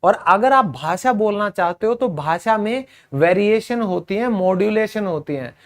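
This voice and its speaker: A man with a Hindi accent teaching English vocabulary, repeating each word slowly and quizzing his students. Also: high-pitched, animated. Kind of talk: spoken English lesson.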